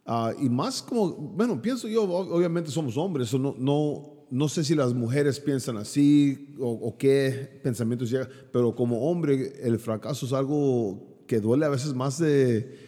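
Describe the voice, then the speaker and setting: Husky-voiced male interviewer, mellow tone. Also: medium pitch, measured pace, big-room sound. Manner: soft backchannels, mostly English "yeah".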